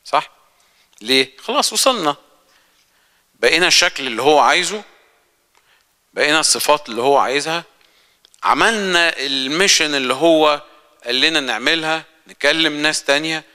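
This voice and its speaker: An Egyptian man preaches to his congregation in a very bright, ringing voice with a smooth, crisp tone. His delivery is earnest and conversational, full of questions aimed at his listeners. Long reverb from the church hall trails behind his words. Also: on the high side, expressive, fairly quick, long pauses. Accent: Egyptian Arabic. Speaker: lay preacher. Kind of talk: sermon.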